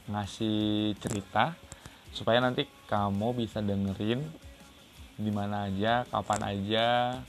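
A man from Riau chatting casually about his travels for his podcast, rambling with many fillers and restarts. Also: fairly low pitch. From Riau, Indonesia. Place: second-floor balcony outdoors.

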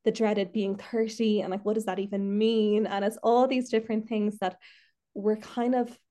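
A woman's voice: medium pitch, little pitch movement, normal speed, dark tone. A woman hosting a podcast, a trainee therapist, talking in a reflective, rambling way with many restarts. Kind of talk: casual podcast chat. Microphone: video call.

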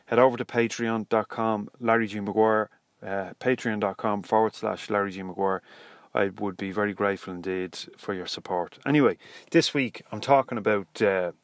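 On his solo podcast, recorded in a parked car's passenger seat, an Irish man talks in an unstructured, hesitant, casual style. His voice sits on the low side with a steady tone and moderate pace, and the recording has no echo.

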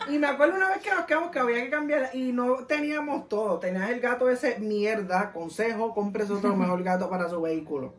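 Una mujer con acento puertorriqueño que conduce la charla en tono bromista y malhablado. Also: female voice, a little high, a little fast, few pauses. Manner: joking, swears freely. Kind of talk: casual family chat. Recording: roomy room echo.

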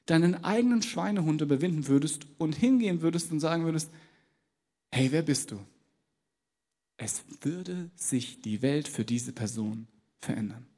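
A man's voice: on the high side, lively intonation, normal speed, mellow. A man preaching a sermon in a large church, in a casual, conversational way that slips into little acted dialogues. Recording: long reverb of a large church.

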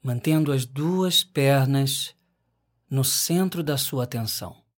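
A man leads a scripted guided meditation as an instructor. His voice is mid-pitched, with a soft husky breathiness. He gives each instruction calmly and leaves long, unhurried pauses between phrases.

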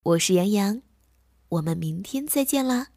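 A woman narrating a children's bedtime story in a gentle, lively way on a close mic. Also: mid-range voice, normal speed, dry recording.

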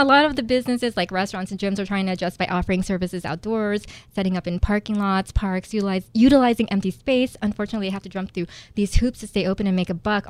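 A middle-aged woman hosting a political talk radio show, chatty and teasing and quick to laugh, in a studio. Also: medium pitch, no room sound. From Filipino family.

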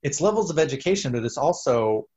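A man's voice: medium pitch, very animated, fast, a little mellow, husky, dull audio. A man hosting a casual chat, rambling and swearing, with lots of fillers. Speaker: podcast host.

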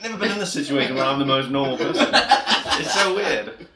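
Male tabletop player, casual halting improvisation, forceful bright tone, roomy recording. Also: medium pitch, expressive. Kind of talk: casual improvised role-play chat. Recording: roomy echo.

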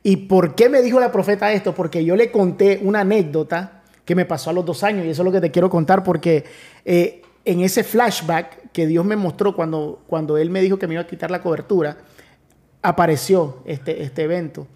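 Man, pastor guest, high mellow voice, earnest testimony storyteller. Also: a little fast. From Nicaragua. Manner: earnest storytelling, many restarts. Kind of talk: testimony in casual conversation.

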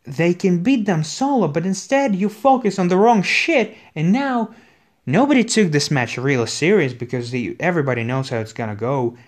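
A man ranting in casual, profane commentary, his voice hoarse and exasperated. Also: high-pitched, expressive, normal speed. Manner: profane, exasperated, swears constantly. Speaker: wrestling commentator.

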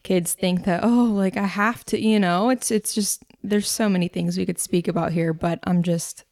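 A woman co-hosting a casual faith-based discussion, talking conversationally with fillers and quick asides. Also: lowish voice, little pitch movement, darkish tone, no room sound, clean studio sound. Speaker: podcast co-host.

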